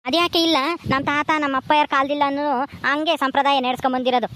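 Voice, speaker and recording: A woman's voice: high voice, fairly even intonation, rapid-fire, a bit bright, slight background noise. A woman playing an easygoing village husband and fond uncle, with a rural Karnataka Kannada accent and a soothing, defensive manner.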